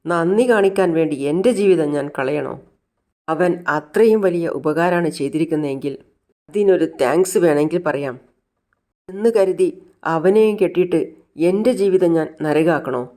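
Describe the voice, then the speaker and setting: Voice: medium pitch, moderate pace, natural voice. Defiant young Malayali woman, voiced by a storyteller. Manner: sharp and sarcastic. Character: defiant young woman refusing an arranged marriage.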